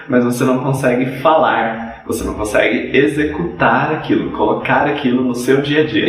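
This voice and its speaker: A man's voice: medium pitch, recorded from a distance. Man teaching in an echoey room. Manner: direct, repeats examples to drive points home. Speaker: English teacher. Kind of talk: explanatory video lesson.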